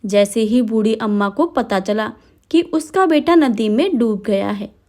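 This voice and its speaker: A woman narrating a devotional folk tale in a steady, dramatic storytelling manner. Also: a little high, a little slow.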